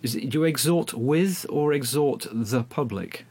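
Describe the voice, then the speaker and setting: A man with a mid-range, slightly slow, slightly mellow and faintly rough voice hosts a radio programme. He chats casually in a hesitant, self-deprecating way, talking into a handheld dictaphone-style recorder during a phone call.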